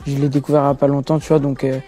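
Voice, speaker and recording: A teenage man, answering interview questions about his rap career in relaxed street slang, often adding "tu vois" and repeating words for emphasis. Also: mid-range voice, racing, faint music behind. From France. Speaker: young rapper interviewed. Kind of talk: casual interview talk.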